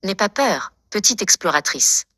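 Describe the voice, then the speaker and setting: Kindly old male beetle played by a woman, bright, gentle storybook guide, reassuring as if reading to a toddler. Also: medium pitch, big pitch swings, unhurried, husky, no echo, full character voice. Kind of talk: children's storybook character reading.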